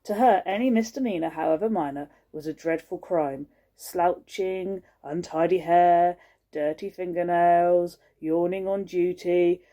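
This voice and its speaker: Mellow-voiced woman reading a story aloud. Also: on the low side. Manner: expressive, pauses to show pictures.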